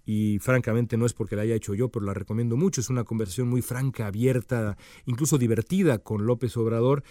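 A man's voice: medium pitch, a little mellow, dry recording, clean studio sound. Hesitant man giving political commentary. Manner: measured, with frequent hesitant fillers. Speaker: political commentator and show host.

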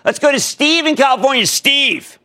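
Excitable man hosting a markets show. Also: moderate pace. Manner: emphatic, excitable, swings between loud bursts and low asides. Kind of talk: energetic market commentary and call-in.

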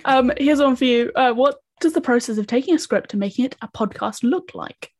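A woman from New Zealand talks in a lively, casual way, with an accent that mixes New Zealand and English. She laughs often and swears in passing while she chats about making her podcast. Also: high voice, brisk. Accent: mixed New Zealand and English. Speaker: podcast co-creator and writer. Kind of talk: casual chat.

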